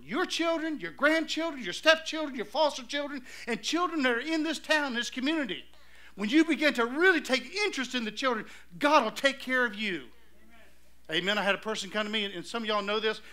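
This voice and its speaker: A man's voice: extremely high pitch, sharp tone. A man preaching a storytelling sermon in a church, punctuating his points with calls of amen. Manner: storytelling, exclamatory, calls for amens. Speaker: pastor. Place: church sanctuary.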